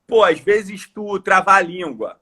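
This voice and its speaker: A man's voice: high voice, very animated, a little slow, sharp tone, breathy edge. A man with a Brazilian Portuguese accent, a coach talking earnestly and emphatically on a podcast, repeating phrases for stress. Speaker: coach and course speaker. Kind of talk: casual podcast conversation.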